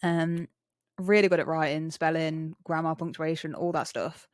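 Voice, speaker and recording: Casting: young woman, English chav-style accent, rough slang, casual chatty delivery, dry recording. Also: deep voice, steady tone, moderate pace, no echo. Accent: English, chav-style street slang. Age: young adult. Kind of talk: casual chat.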